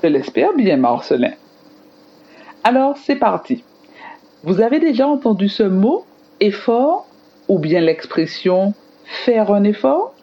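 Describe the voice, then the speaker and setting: A woman teacher giving a scripted radio lesson to children in an expressive, explanatory manner. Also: medium pitch, slow pace, pauses often, breathy edge, muffled recording. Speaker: primary school teacher on radio.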